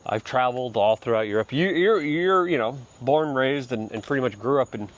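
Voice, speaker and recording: Man host, casual rambling outdoor walk-and-talk, mid-pitched voice. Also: animated, a little fast, dull audio. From Poland. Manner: rambling with fillers and restarts.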